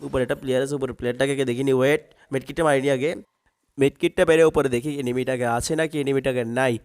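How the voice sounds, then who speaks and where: Hoarse, excitable gaming commentator. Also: male voice, medium pitch, very fast. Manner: excitable, yelps sharply in fights and grumbles at other players. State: hoarse, strained throat. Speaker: gaming channel host. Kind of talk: gameplay commentary.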